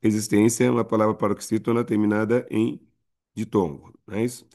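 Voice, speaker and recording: A man's voice: fairly low pitch, little pitch movement, fairly quick, a little mellow. A male teacher with a Brazilian Portuguese accent, giving a recorded video lesson on grammar. He explains patiently and keeps checking in with the class. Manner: explains patiently with frequent "né?" and "não é isso?" checks; hesitant restarts and fillers.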